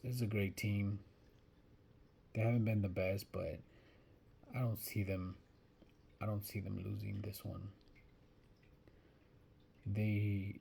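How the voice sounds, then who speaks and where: A man's voice: sits low, creaky, a little mellow, a little hiss or hum. A man giving casual soccer betting predictions, thinking aloud and hesitant, often restarting his sentences. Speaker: sports betting vlogger.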